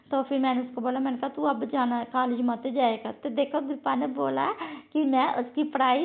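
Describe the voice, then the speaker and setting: A woman's voice: high voice, vocal fry. A middle-aged woman sharing a devotional testimony with a congregation, emotional and repetitive, often turning to address her listeners. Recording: tinny phone-like audio.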